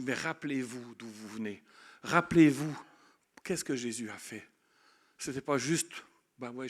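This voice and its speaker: A man preaching a sermon as pastor, earnest, moving between soft reflective passages and emphatic declarations. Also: medium pitch, husky.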